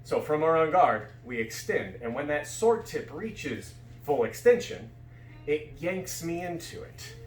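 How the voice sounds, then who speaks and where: A man's voice: fairly high pitch, expressive, a little slow. A man giving casual, explanatory fencing instruction, often checking that his students follow. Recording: echoey room with background noise.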